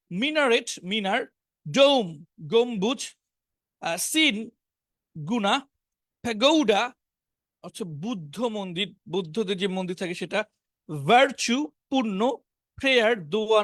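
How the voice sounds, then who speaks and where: A man's voice: high voice, fairly bright tone, no echo, clean studio sound. Bengali-accented man teaching English vocabulary. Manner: reads word lists slowly, pairing each English word with its meaning. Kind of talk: online spoken English class.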